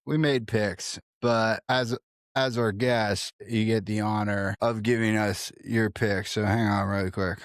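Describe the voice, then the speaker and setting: A man's voice: on the low side, fairly even intonation, measured pace, dry recording, studio quality. A man hosting a casual sports podcast, steering the talk with casual cursing. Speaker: podcast host.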